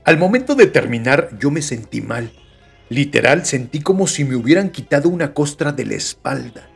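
Gravelly Mexican man reading stories. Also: on the high side, big pitch swings, moderate pace, faint music behind. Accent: Mexican Spanish. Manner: chatty, joking asides between read passages. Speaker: podcast host reading listener stories. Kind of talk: casual storytelling reading.

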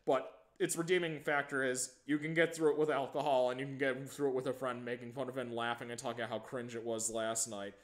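A man's voice: medium pitch, flat delivery, fast talker, hardly any pauses. A man hosting a casual movie review podcast, rambling with frequent stammered restarts and easy laughter. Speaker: podcast host.

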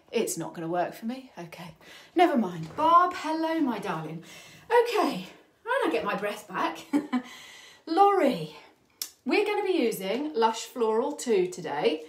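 Breathless chatty British woman livestreaming. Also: fairly high pitch. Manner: chatty, greets viewers by name. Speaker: furniture painter hosting a livestream. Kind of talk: live demo chat with viewers. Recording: echoey room.

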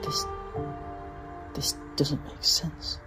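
A young man playing a confused, frightened interrogation subject, halting and stammering, in a film drama. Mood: lost, bewildered. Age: young adult. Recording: music and low rumble behind.

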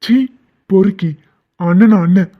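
Cartoon role: man doing a rough, loyal village servant, high-pitched, lo-fi sound. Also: fairly even intonation, measured pace. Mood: furious. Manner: threatening, rough. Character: gruff loyal male servant of a village household.

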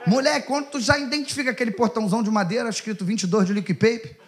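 A man's voice: very high voice, racing. A man with a Carioca accent doing a stand-up set in a comedy club, brash and profane, teasing the audience. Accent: Carioca Portuguese. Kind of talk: stand-up set with crowd work. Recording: live club crowd laughter and noise.

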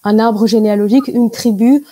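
A young woman answering interview questions over a video call, explaining carefully with many pauses and fillers. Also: on the high side, steady tone, mellow, dry recording, rough recording. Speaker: guest. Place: indoor room at home. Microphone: video call with wired earphone mic.

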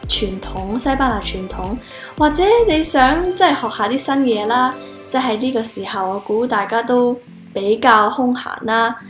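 Earnest and high-voiced, this teen language-channel host switches between English and Cantonese, her first language, in a casual teaching vlog, sprinkling in filler words. A close camera faces her, and faint music plays in an echoey room.

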